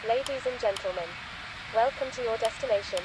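A woman's voice: fairly high pitch, brisk, lightly acted, rough recording. Woman voicing a polite flight attendant's cabin announcement. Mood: courteous. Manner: polite, formal, scripted. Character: female flight attendant making a landing announcement.

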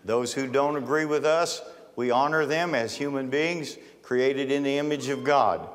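Slow-preaching middle-aged man in a church hall. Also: medium pitch. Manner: emphatic, rising to forceful declarations. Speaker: pastor. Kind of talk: sermon. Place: large church sanctuary, on stage. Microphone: handheld mic, then pulpit mic. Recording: long church hall reverb with faint music.

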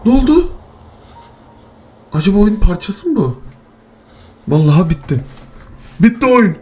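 A gaming channel host plays a horror game for his viewers, muttering nervously, swearing, and shrieking whenever something startles him. His voice is high and warm, very animated, and a little slow.

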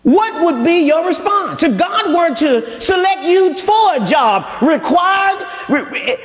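A man preaching a sermon in a folksy, conversational way, building to shouted emphasis and calling out to the congregation. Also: extremely high pitch, big pitch swings, slow. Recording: echoey hall, dull lo-fi sound.

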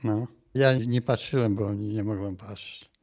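A man in his eighties from Volhynia, giving his testimony in an interview in a plain, halting way and often ending phrases with a quick tag question. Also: lowish voice, steady tone, a little mellow. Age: 80s. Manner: plain halting telling, tags phrases with "nie?". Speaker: interviewee, massacre survivor. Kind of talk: recounted personal testimony.

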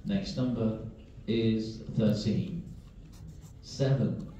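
A British man calls bingo in a slow, very mellow, dark voice. He delivers the numbers in clipped, formulaic patter, digit by digit and then whole. The sound is heavily echoey, as from a big hall with a distant mic. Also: on the low side, lo-fi sound, slight background noise. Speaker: bingo caller. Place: large echoing bingo hall.

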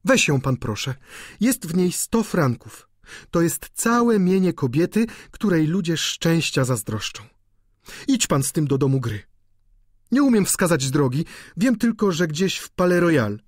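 A man's voice: a little high, big pitch swings, measured pace, dry recording, clean studio sound, pitched above the performer's own voice. A male audiobook narrator voicing a distraught young noblewoman who speaks in a pleading, tremulous way. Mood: imploring. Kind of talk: audiobook character reading.

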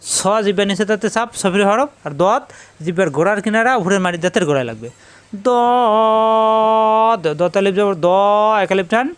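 Man, teacher, letter-by-letter pronunciation lesson, smooth resonant voice, dry close sound. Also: sits high, animated, fast, no echo. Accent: Bangladeshi Bengali. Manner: drills each letter, spelling it out and repeating it; addresses students directly. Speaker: Quran reading teacher.

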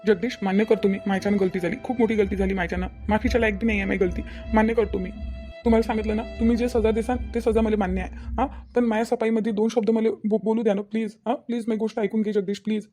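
A man's voice: high-pitched, fairly even intonation, fast, dark tone, faint music behind, natural voice. A man with a Vidarbha Marathi accent voicing a guilty young cartoon husband who pleads and apologizes, repeating himself. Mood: pleading. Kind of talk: cartoon dialogue acting.

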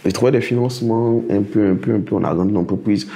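Here a middle-aged man speaks quickly in a lowish, creaky, dark voice. Guesting in a casual interview as a project financing consultant, he shares anecdotes and performs the lines other people spoke to him.

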